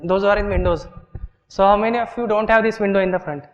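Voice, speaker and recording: A man's voice: high-pitched, fairly even intonation, quick pace. A man with an Indian English accent teaching a workshop class in a lecture hall, explaining step by step and checking in with "okay" and "right". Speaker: workshop instructor. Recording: dull, echoey lecture hall recording.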